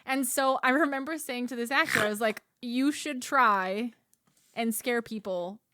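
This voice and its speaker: A woman co-hosting a casual podcast, telling animated stories with lots of "like.". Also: fairly high pitch, unhurried, dry recording, clean studio sound. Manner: animated storytelling full of "like". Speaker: podcast co-host, former haunted attraction actor.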